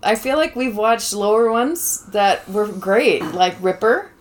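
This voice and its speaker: This thirty-something podcast host, who also lectures, keeps things chatty and relaxed with frequent laughter. She speaks at medium pitch, animated yet unhurried, over some background noise.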